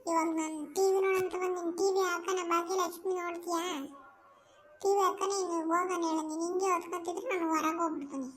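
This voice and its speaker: A woman's voice: extremely high pitch, fairly even intonation, fast talker, slight background noise. Woman playing a cheeky little grandchild. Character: cheeky young grandchild who teases grandma.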